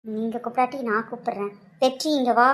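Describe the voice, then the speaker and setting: A woman's voice: fairly high pitch, steady tone, brisk, natural voice. A woman voicing a fierce protective mother. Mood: angry. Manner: accusing, confrontational. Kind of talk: cartoon drama voice acting.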